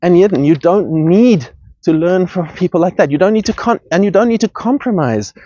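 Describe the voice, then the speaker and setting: A podcast host with a high, dark-toned voice delivers a heated, earnest monologue at a moderate pace with lively intonation, often restarting and repeating words as he gets worked up. The sound is dull and lo-fi, with no echo.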